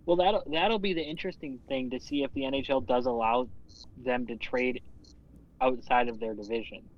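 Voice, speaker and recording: A man's voice: mid-range voice, moderate pace, highs cut off. A man co-hosting a casual podcast, easygoing and rambling, swearing now and then. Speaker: podcast co-host. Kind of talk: casual chat.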